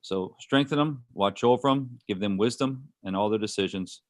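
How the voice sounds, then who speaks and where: Pastor guy praying slow and earnest, lowish voice, dry sound. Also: no room sound. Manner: earnest, unhurried prayer with pauses. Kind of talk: opening prayer at a meeting.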